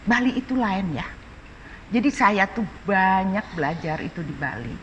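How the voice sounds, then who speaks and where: Sundanese-accented woman, lively and animated. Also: medium pitch, moderate pace, big-room sound, lo-fi sound, slight background noise. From Bandung, Indonesia. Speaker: art dealer. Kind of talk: casual interview.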